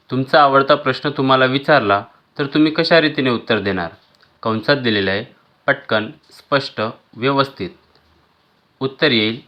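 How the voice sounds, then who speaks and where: A man teaching, reading textbook exercise questions and their answers aloud in a measured, item-by-item way. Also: mid-range voice, bright, forceful tone. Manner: measured, listing answers one by one.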